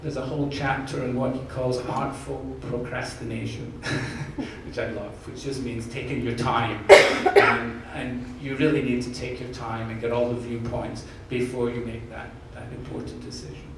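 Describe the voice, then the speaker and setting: A university presidential candidate with a slight Scottish accent answers staff questions at an open forum, earnest but joking, repeating words whenever he restarts. His mid-range voice moves at a moderate pace, captured by a distant mic in a very echoey room over a steady hiss.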